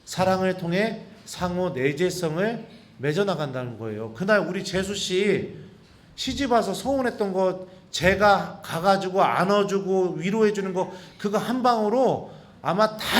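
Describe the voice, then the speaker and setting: High-voiced priest telling stories. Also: male voice. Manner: animated, chuckling storyteller. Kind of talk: retreat lecture, personal storytelling. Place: retreat talk before a group.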